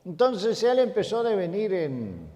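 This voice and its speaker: A male pastor preaching a sermon as a story, swinging from loud emphasis down to a hush. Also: high voice, huge pitch swings, a little slow, in a large hall. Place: large hall at a church congress.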